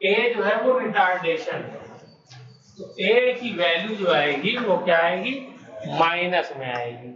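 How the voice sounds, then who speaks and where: Male teacher, high voice, quizzing his class, dull muffled recording. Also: lively intonation, slow, echoey room, background noise. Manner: quizzes students, coaxing answers step by step. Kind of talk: classroom physics lesson.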